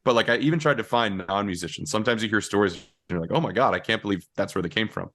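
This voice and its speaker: A man's voice: on the low side, very fast, a bit bright. A man co-hosting a podcast, chatting casually and rambling with many restarts. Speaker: podcast co-host. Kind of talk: casual chat.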